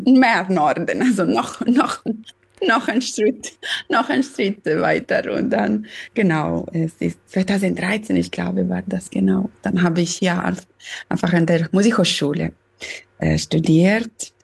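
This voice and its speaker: A woman from Sicily with an Italian accent, a pianist talking haltingly as a guest over a video call from home. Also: on the low side, vocal fry, darkish tone, husky. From Sicily, Italy. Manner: hesitant, searching for words, laughs often. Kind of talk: casual interview on video call. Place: her home.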